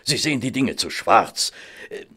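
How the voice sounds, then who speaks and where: An actor playing Doctor Watson, a kindly and patient companion to a detective, in a German audio drama, with a hesitant, gentle, gentlemanly delivery. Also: male voice, medium pitch, animated, normal speed. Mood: mild protest. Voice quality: gravelly, husky.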